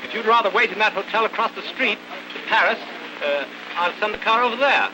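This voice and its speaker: A man plays a brisk, courteous army officer in an early talkie film. His voice sits high for a man, with formal, clipped authority. Clear noise runs through the 1930 soundtrack. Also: lightly acted.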